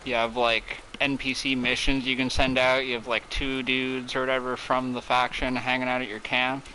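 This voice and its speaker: A young man talks over his gameplay in a bright, forward voice, thinking out loud about ideas for the game. He rambles loosely and fills his sentences with filler words. A faint hiss of noise sits under the voice. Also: mid-range voice, monotone, moderate pace, poor audio. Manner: rambling, filler-heavy brainstorming. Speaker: gamer. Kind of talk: casual gameplay commentary.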